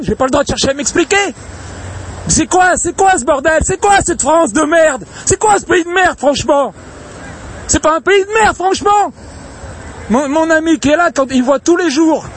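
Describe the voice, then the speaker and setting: Furious high-voiced man ranting outdoors. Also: slight background noise. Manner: furious, ranting, repeats phrases, swears. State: hoarse from shouting. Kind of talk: angry outdoor rant to camera. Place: outdoors in a public place.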